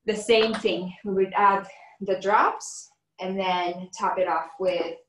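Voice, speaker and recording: A woman's voice: mid-range voice, fairly even intonation, slow. A woman in a class asking questions and restating the steps to check them. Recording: roomy, distant from the mic.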